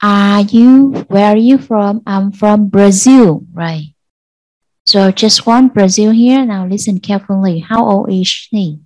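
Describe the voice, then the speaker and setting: A Vietnamese-accented woman teaching an English class to children, slow and patient, repeating answers for pupils. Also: medium pitch, a little mellow, no echo, poor audio. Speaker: primary school English teacher. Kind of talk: online class lesson.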